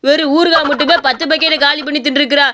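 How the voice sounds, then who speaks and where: Woman doing a cranky cartoon shopkeeper man, rattles off fast, high bright voice. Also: fairly even intonation. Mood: quarrelsome. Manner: rapid, scolding, quarrelsome. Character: irritated village shopkeeper man. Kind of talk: Tamil cartoon story voice acting.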